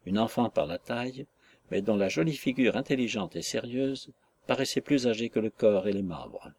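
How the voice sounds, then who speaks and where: A man narrating a classic novel in a measured, literary storytelling manner. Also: mid-range voice, lively intonation, creaky, a little mellow, slightly rough. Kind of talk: audiobook narration.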